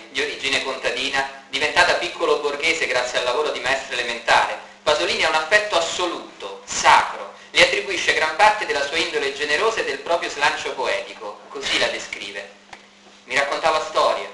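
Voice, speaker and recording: Bright male documentary narrator. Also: on the high side, expressive, a little fast, hardly any pauses, a little hiss or hum. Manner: clear, informative. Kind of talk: scripted narration. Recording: roomy reverb.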